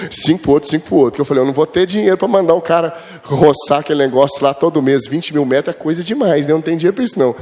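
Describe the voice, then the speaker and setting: High-voiced pastor telling stories. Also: male voice. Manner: storytelling, chatty, addresses the congregation as brothers; acts out quoted dialogue with God, rising high and loud. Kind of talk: sermon.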